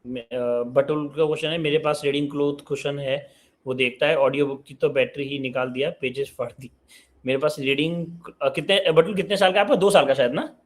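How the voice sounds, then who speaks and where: A man's voice: fairly high pitch, steady tone, brisk. A man in his late twenties hosting a live online parenting session, reading out viewer questions and answering them conversationally. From Uttar Pradesh, India. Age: 20s.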